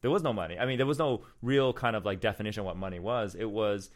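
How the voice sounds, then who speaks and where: A man's voice: lowish voice, fast. A man hosting a casual interview, explaining at length in a rambling way with many restarts. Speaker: host.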